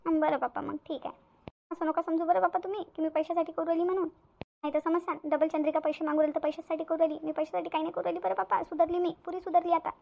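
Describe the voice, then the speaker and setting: A woman plays a sly, whiny young wife in a cartoon, her high voice edged with gravel as she pleads and wheedles. She rattles her lines off at a brisk clip. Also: level tone, dull audio. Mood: wheedling. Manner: wheedling, fake-tearful pleading. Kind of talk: cartoon voice acting.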